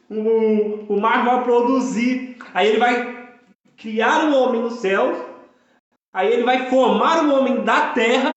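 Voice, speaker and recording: A man in his thirties preaching a fervent sermon, repeating phrases for emphasis. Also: very high voice. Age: 30s. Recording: echoey room, dull lo-fi sound.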